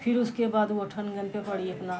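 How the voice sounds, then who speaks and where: A woman casually telling a devotional folk tale to listeners around her, in a chatty, halting way with restarts and asides. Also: medium pitch, steady tone. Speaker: storyteller. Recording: home recording with clear background noise.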